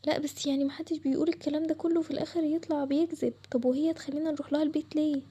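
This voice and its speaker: A woman with an Egyptian Arabic accent talks fast and high as she voices several schoolgirls. It is a chatty role-play drama voice-over, and she switches between the girls' voices. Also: steady tone, warm tone.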